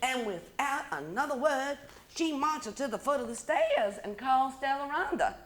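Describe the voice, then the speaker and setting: A woman narrating a story aloud in an aggrieved, expressive manner. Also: high voice, normal speed. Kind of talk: dramatic story reading. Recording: roomy echo.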